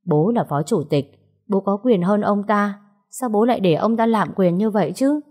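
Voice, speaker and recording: A woman's voice: fairly low pitch, animated, normal speed, darkish tone. A woman reading a story aloud, voicing a spoiled woman near thirty who talks back resentfully to her father.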